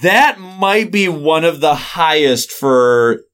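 A man's voice: a little high, slow. A man co-hosting a podcast, bantering casually and laughing often. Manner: giggly, lively, joking banter. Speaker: podcast co-host.

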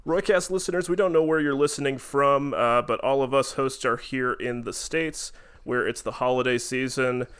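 A man's voice: mid-range voice, moderate pace, a bit bright, clean tone. A man with a mid-range voice hosting a podcast. He talks fluently and easily, welcoming his guests and moving the discussion along from topic to topic. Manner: fluent, welcoming, steering the talk. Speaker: podcast host. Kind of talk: casual chat.

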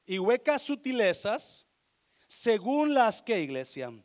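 A man's voice: high-pitched, very animated, takes it slowly, a little mellow. A man pastor preaching a sermon, emphatic and exhorting, often calling out questions to his congregation.

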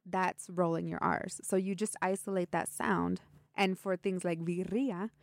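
A woman's voice: fairly low pitch, steady tone, measured pace, gravelly, no echo, studio quality. A woman co-hosting a casual podcast, patiently explaining and teaching in a conversational tone. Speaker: co-host.

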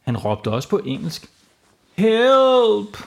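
A man voicing an excitable young male unicorn in a children's bedtime story. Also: fairly high pitch, natural voice. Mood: crying for help. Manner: eager, exclaiming.

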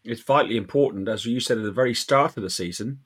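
A man's voice: mid-range voice, fast talker, breathy edge. A man hosting a casual football podcast, steering the talk and passing to the others. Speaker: podcast host.

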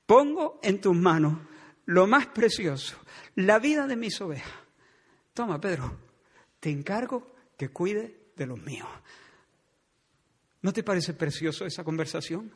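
Casting: middle-aged male pastor, high husky voice, fervent sermon delivery, long church reverb. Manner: impassioned preaching, rising to pleading.

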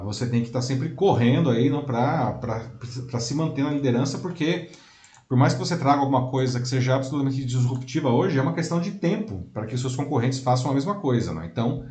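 A man's voice: medium pitch, mellow, reverberant. A man co-hosting a live talk show, explaining at length in casual commentary and ending his points with tag questions. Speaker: co-host.

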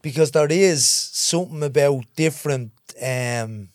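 A man with a Dublin Irish accent in casual chat, slangy and quick to agree with the others. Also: a little high.

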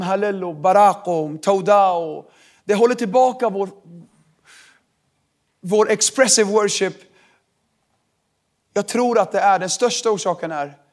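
Male pastor, Swedish accent, high voice, lively sermon delivery. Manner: animated, swings from quiet to shouting. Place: large hall with live audience.

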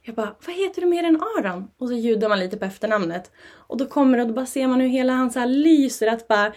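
A young woman talking casually as a parent, telling stories with lively, animated delivery. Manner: animated storytelling, jumps high when quoting. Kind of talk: casual podcast chat.

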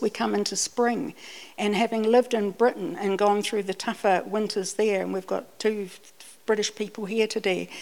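With a mid-range voice that's a little mellow, a woman preaches in a chatty, conversational way, telling anecdotes in a personal sermon. She's from Scotland, grew up in New Zealand, and tends to repeat words when she restarts.

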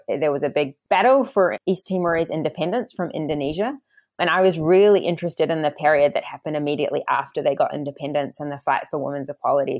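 A woman from New Zealand with a broad New Zealand accent, giving reflective, explanatory answers as an interview guest in a conversational style. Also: low voice. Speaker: interview guest, academic author.

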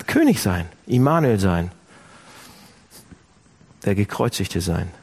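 A man preaching a sermon, speaking directly to his listeners with lively emphasis. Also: fairly low pitch, slightly rough. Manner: animated, addresses listeners directly.

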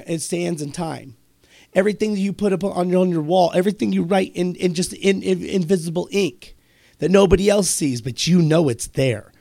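Gravelly, profane man preaching a rant. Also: fairly high pitch, mellow, no room sound, clean studio sound. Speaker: podcast host. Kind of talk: ranting monologue.

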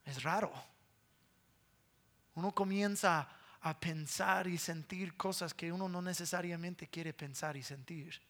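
A man's voice: a little high, unhurried, fairly bright tone. A man in his thirties preaching a sermon, telling a conversational story with repeated words and playful sound imitations.

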